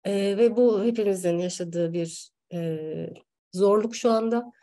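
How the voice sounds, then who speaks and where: A woman hosting an online psychology session, speaking earnestly with halting pauses and fillers. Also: medium pitch, mellow. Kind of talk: opening remarks at an online workshop.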